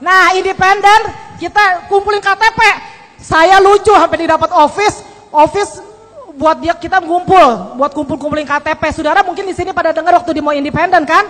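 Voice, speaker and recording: A woman giving a lively sermon testimony to a congregation, acting out the voices in her story. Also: very high-pitched, a little fast. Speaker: church speaker giving testimony. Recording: long hall reverb.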